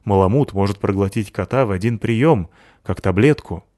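A man's voice: fairly low pitch, moderate pace, dark tone, no room sound, natural voice. Man doing a dry unimpressed cat, offhand and snorty. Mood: sceptical. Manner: offhand, sceptical. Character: dry, sceptical male cat.

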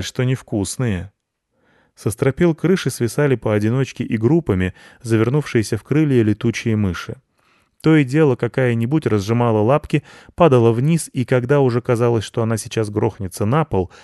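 A man narrating a children's storybook in a lively, explanatory way. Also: mid-range voice, no echo, clean studio sound. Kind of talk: storybook reading.

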